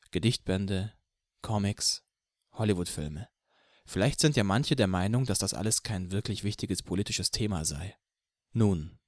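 A man narrating an audiobook in the first person, reading in a measured, even way. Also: fairly low pitch, dry recording, studio quality.

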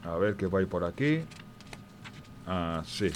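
A low-voiced man with a Spanish accent from Spain tells stories and jokes informally, speaking directly to his audience. His intonation is lively and his pace unhurried, and he restarts phrases now and then in his chatty delivery. There's a slight hiss or hum on the recording.

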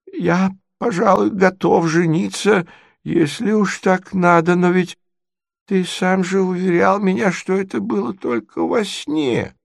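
A confused old prince, high and quavering. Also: male voice, gravelly, dry recording, clean studio sound, full character voice. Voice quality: stammering, quavering. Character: senile elderly prince, fussy and confused.

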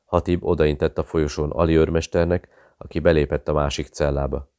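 A man's voice: a bass voice, flat delivery, a little mellow, smooth, no echo, clean studio sound. A man steadily narrating a thriller audiobook.

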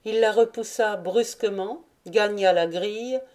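A woman reading a classic novel aloud as an audiobook narrator, measured and dramatic. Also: mid-range voice, a little mellow. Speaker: audiobook reader.

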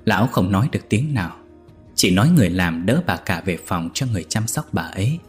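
A man narrating a scripted ghost story in a steady, even storytelling manner. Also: low-pitched, fast, faint music behind.

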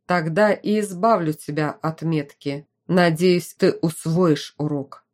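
A woman's voice: deep voice, steady tone, slow, darkish tone. A woman doing a furious young fire mage. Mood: furious, growling. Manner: growling, snapping.

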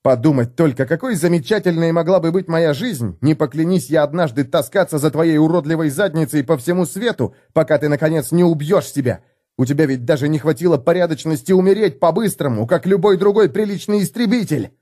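A man voicing an indignant, fed-up young human adventurer who shouts in a raised, strained voice in an audiobook. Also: a little high, a little fast, pitched above the performer's own voice, close to an everyday voice.

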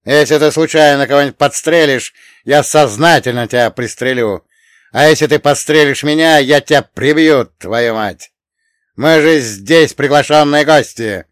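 A man voicing a young mafia boss in his thirties, cool and theatrical, with a lazy, even drawl that turns to barking. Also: medium pitch, measured pace, dry recording, studio quality, close to an everyday voice. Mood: shouting. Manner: languid drawl that flares into barking.

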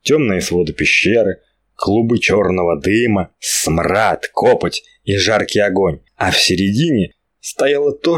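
A man with a fairly low voice narrates a story as an audiobook narrator, giving a measured, expressive reading of scripted narration.

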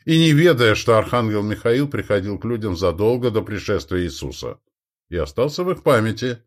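A gaunt, stern young king, played by a man who speaks low and with quiet threat. The voice drops beneath the narration and moves widely when he rises to rebuke, slow and deliberate. It is an audiobook character voice. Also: sing-song. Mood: lecturing.

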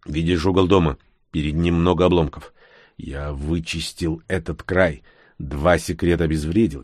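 A man voicing a hardened soldier who gives low, hushed, clipped orders in an audiobook. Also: breathy edge, dry recording, clean studio sound. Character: grim, hardened male soldier, curt and commanding.

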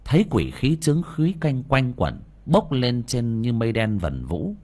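A man narrating a ghost story in a dramatic, animated way. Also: medium pitch, a little slow.

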